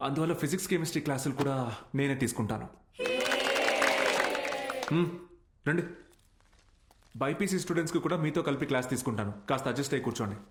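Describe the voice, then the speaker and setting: A man's voice: mid-range voice, fast talker, long pauses, noisy background, close to an everyday voice. An actor playing a young male college lecturer, playful and determined, dropping English phrases into his speech. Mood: confident. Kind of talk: Telugu film drama dialogue. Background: film score.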